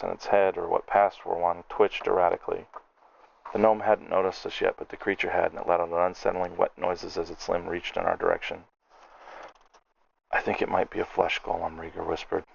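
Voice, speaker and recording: A man's voice: low-pitched, flat delivery, brisk, vocal fry, highs cut off. A man narrating a fantasy audiobook in the first person, reading steadily and descriptively.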